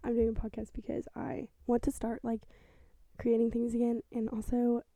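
A woman in her twenties rambles quietly and self-consciously in a solo podcast monologue from her bed, hesitant and heavy on fillers. Her slightly high voice is very mellow with gravelly fry, delivered completely flat at normal speed into a small mic with a fluffy windscreen, with no room sound.

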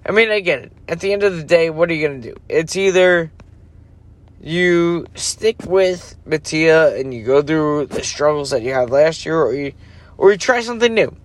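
A man's voice: fairly high pitch, lively intonation, normal speed, dry recording. A sleepy, yawning man ranting casually as a podcast host, rambling and losing his focus. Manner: rambling, loses focus, self-interrupting. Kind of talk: casual rant.

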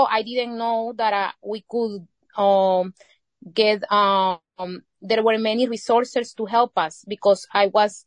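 This interview guest is a Salvadoran woman whose native tongue is Spanish, and her English carries that accent. Speaking at medium pitch in a casual conversation, she hesitates and pauses a lot to find words; there's no room sound.

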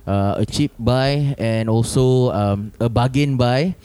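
A man with a Malaysian accent talks casually among friends on a panel. His voice is mellow and warm at a middling pitch, and his English is colloquial, full of Malaysian slang particles. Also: slow, smooth. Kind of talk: casual panel chat about fantasy football.

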